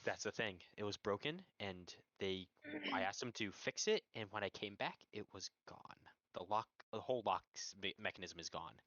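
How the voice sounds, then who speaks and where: A man with a bright voice improvises casually as a player in a tabletop game. He sounds halting and complaining. The recording is dry but dull and lo-fi. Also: fairly low pitch, animated, no room sound.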